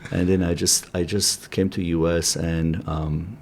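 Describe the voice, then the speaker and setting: A man's voice: deep voice, little pitch movement, unhurried, vocal fry, darkish tone. A middle-aged man from Iran, a native Armenian speaker, talking earnestly and reflectively as an interview guest, with fillers and restarts. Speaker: guest, company CEO. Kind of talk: interview conversation.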